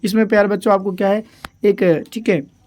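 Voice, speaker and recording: A male teacher giving an exam revision lesson. He keeps putting questions to his pupils and answering them himself, calls them dear children, and reads English words out slowly. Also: high voice, steady tone, a little mellow.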